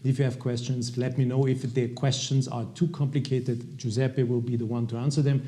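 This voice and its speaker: A man from Austria with an Austrian accent and a gravelly voice, casually presenting products to viewers as a video host in halting, hesitant phrases. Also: medium pitch, flat delivery, warm tone. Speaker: watch review video host.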